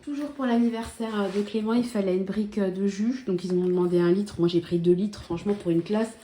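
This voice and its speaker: A woman's voice: mid-range voice, fairly quick, mellow. A woman chatting casually to viewers about her groceries, full of hesitations and asides. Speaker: vlogger showing her grocery haul. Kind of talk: casual vlog chat. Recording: echoey room with faint noise.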